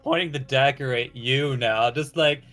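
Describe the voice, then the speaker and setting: A man's voice: medium pitch, normal speed, a bit bright. A man playing a tabletop game, chatting casually in a hesitant way and often cutting himself off. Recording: music playing behind.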